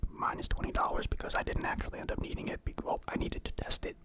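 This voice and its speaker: Close to the mic in a room at home, a young male ASMR mukbang creator whispers in an unvoiced, breathy way. His talk is casual, halting and rambling.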